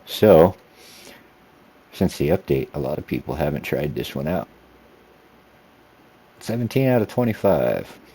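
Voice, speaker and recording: Low-voiced man chatting while sim racing. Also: very animated, measured pace, pauses often, dark tone, breathy edge. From United States. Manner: rambling self-talk while driving, easygoing. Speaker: sim racing video creator. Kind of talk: casual gameplay commentary.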